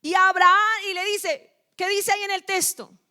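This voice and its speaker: A woman's voice: extremely high pitch, steady tone, moderate pace, pushed and bright. A middle-aged woman pastor, preaching a sermon and firing questions at the congregation, scolding them at times. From Colombia.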